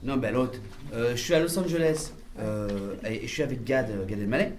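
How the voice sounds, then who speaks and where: A man directing a film, telling animated anecdotes at a press conference, mimicking voices and laughing often. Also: mid-range voice, brisk, roomy sound.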